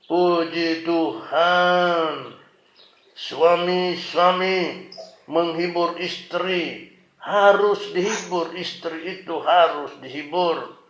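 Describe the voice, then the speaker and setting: A man preaches a sermon in a high, unhurried voice, pausing for effect and breaking into exclamations. He acts out a husband's tender words. The sound is echoey and dull. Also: fairly bright tone. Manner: preaching with dramatic pauses and exclamations. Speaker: pastor.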